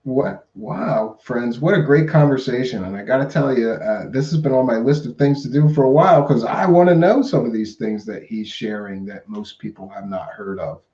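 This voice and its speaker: A man's voice: mid-range voice, lively intonation, normal speed, hardly any pauses, mellow. A man hosting a live talk show in a casual, chatty, colloquial way. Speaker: live stream host. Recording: roomy, dull lo-fi stream audio.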